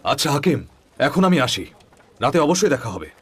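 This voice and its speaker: Dub casting: a hearty host, husky, slightly high. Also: male voice, big pitch swings, normal speed, fairly bright tone, exaggerated voice. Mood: welcoming. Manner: welcoming, hearty. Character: friendly male merchant host, welcoming. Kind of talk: dubbed drama dialogue.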